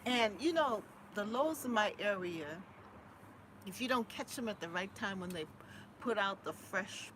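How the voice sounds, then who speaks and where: Slow-talking effusive middle-aged woman host. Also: medium pitch, animated, fairly bright tone, a little hiss or hum, poor audio. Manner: effusive, repeats exclamations, greets chat viewers. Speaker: livestream host. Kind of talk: casual live chat.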